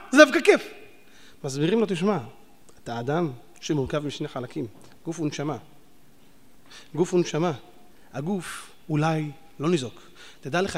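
A man preaching a sermon, animated and firing rhetorical questions at his audience. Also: sits high. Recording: long hall reverb.

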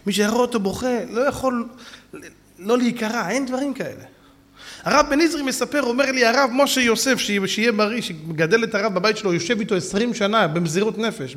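Animated, high-voiced Hebrew preacher. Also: male voice, in a large hall. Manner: animated storyteller who acts out quotes, often shouting. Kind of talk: sermon with stories.

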